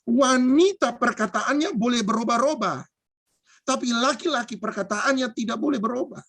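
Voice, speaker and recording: A man's voice: extremely high pitch, normal speed, vocal fry, a bit bright. A man preaching a humorous sermon as a pastor, joking and repeating phrases for emphasis.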